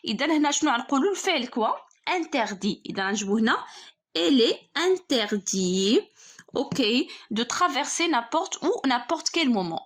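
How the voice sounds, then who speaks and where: A woman teacher with a Moroccan Arabic accent correcting an exam step by step, reading French prompts slowly and explaining them. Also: sits high, expressive, a bit bright.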